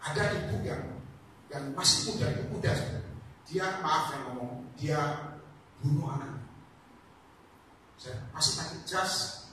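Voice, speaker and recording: Man, evangelist, animated sermon, addresses listeners, distant mic, echoey room, noisy. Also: on the high side, unhurried, long pauses. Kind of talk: sermon at a prayer meeting. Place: monthly prayer meeting in a home.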